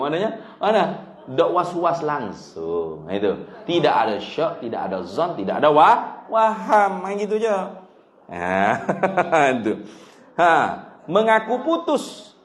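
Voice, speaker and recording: In a kitab study class lecture, a man with a Kelantanese Malay accent teaches religion, joking around and drilling terms by repeating them. His voice is on the high side, and the sound is roomy.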